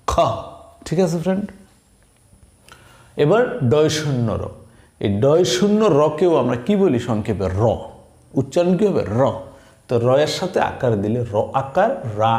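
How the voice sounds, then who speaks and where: Slow-reciting male teacher, echoey room. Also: on the high side, dark tone. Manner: slow, drawn-out recitation with checking questions. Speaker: Bengali spelling teacher.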